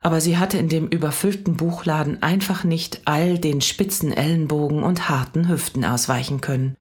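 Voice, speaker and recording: A woman reading a children's story aloud, calm and steady. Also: sits low, normal speed, slightly rough. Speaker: narrator.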